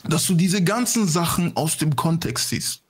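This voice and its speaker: A man's voice: a little high, animated, moderate pace, husky. A man in street roleplay, defensive and insistent, repeating that he is back. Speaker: roleplayer defending his return.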